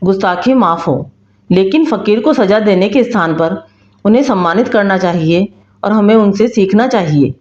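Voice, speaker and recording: Birbal, a calm clever court advisor read by a woman. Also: mid-range voice, normal speed, lightly acted. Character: shrewd male royal advisor, calm and witty. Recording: roomy, slightly dull recording.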